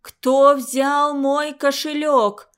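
A woman voicing a menacing old warden. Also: a little high. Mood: furious. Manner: slow, menacing, hoarse. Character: furious old woman boarding-house warden.

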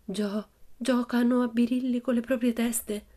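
A woman's voice: very high voice, sing-song, moderate pace, warm tone, voice pushed up. A woman reader voicing a timid, frightened little girl who speaks in a hesitant, anxious way in an audiobook. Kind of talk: audiobook character voice.

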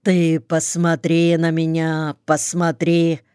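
A woman's voice: low-pitched, monotone, takes it slowly, dark tone, clear, resonant tone, no echo, clean studio sound. A woman reading the lines of a hot-tempered young male soldier back from the front, in a curt, commanding tone. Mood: gruff.

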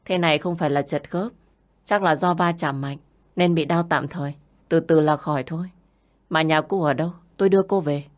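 A woman doing a calm young man. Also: sits low, fairly quick, close to an everyday voice.

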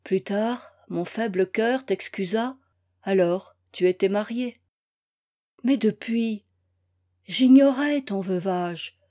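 Remorseful young gentleman voiced by a woman reader, slow and mellow, from a read-aloud novel. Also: medium pitch. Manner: curt, then desperate and self-reproaching.

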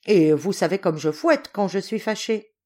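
A woman's voice: mid-range voice, normal speed, mellow, close to an everyday voice. Woman doing cold, scheming noble mother in an audiobook, stern and commanding. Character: harsh, greedy aristocratic mother, stern and threatening.

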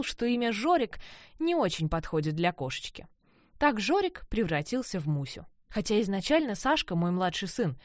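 A woman reads her own story aloud as a mother, in an expressive storytelling manner. Her fairly high voice rises and falls a lot. She is recorded close on a dry mic with no room sound. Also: no room sound. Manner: lively, storytelling with varied intonation. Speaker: narrator, mother. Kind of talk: expressive audiobook narration.

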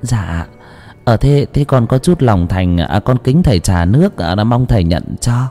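A man's voice: mid-range voice, lively intonation, moderate pace, dark tone, faint music behind, pitched above the performer's own voice, lightly acted. A man voicing a fawning middle-aged woman who hesitates and stumbles politely. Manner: hesitant, fawning, full of fillers.

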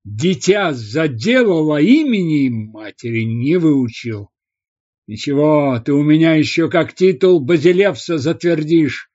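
A man's voice: a little high, darkish tone, highs cut off. A man doing a stern old soldier-priest. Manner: curt, commanding.

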